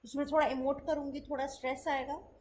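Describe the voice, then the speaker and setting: High-voiced woman teaching a language lesson. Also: little pitch movement, a little mellow, a little hiss or hum, rough recording. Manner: explains step by step in Hindi mixed with English; models sentences slowly for contrast. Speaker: English teacher. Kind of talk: spoken English lesson.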